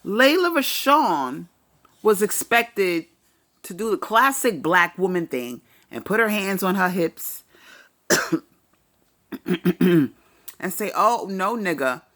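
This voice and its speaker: Blunt slow-talking woman gossip vlogger. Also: mid-range voice, lively intonation, fairly bright tone. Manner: blunt, opinionated, profane. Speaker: commentary vlogger. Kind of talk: casual celebrity gossip commentary.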